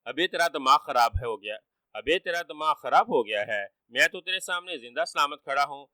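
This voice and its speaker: Give me a cunning storybook trickster, voiced by a man with a bright, dry voice. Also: on the high side, expressive, no room sound. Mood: scolding. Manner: teasing, sly. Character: cunning playful young male trickster.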